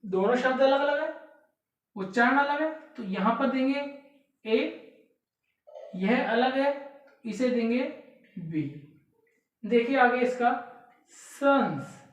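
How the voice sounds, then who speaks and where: A high-voiced woman takes an exam prep lesson slowly, pausing often as she explains step by step, repeats key words and asks rhetorical questions. The audio is dull, recorded in an echoey room with her far from the mic.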